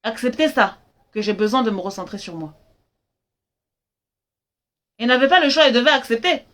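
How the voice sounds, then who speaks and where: A woman's voice: on the high side, animated, normal speed, fairly bright tone. A young woman life coach speaking earnestly and emphatically in a live stream talk, often repeating lines for weight. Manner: earnest, emphatic, acts out her parents' lines in dialogue.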